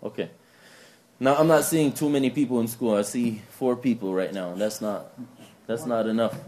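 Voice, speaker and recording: A man's voice: mid-range voice, normal speed. A man giving an informal talk at a mosque, telling stories and acting out the people he quotes. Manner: storytelling, animated when quoting others. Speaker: mosque speaker. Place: mosque hall.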